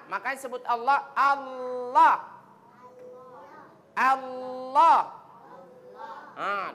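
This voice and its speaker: Woman, recitation teacher, corrective drill, bright crisp tone. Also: sits high, a little hiss or hum. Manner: corrective, drawn-out syllable demonstrations and call-and-response counting. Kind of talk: classroom pronunciation drill. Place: broadcast studio classroom.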